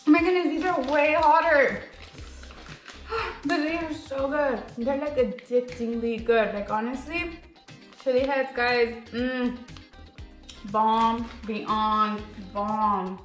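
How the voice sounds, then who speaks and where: A woman's voice: sits high, measured pace, soft background music. A woman reviewing snacks in a casual vlog, gushing and bubbly, saying "like" and "guys" constantly and dropping in Spanish phrases. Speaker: food reviewer. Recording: echoey room.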